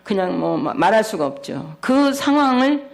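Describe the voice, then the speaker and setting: Casting note: a middle-aged woman, mid-pitched, sharing an animated church testimony, voicing the people in her story. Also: moderate pace, creaky. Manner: animated storytelling, acting out quoted voices. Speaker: church member giving testimony. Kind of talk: personal testimony in a church service.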